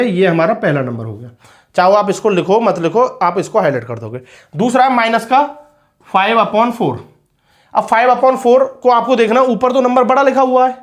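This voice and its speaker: High-voiced patient man teaching maths. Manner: patient, repeats points, calls students beta, counts out steps slowly. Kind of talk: classroom-style maths lesson.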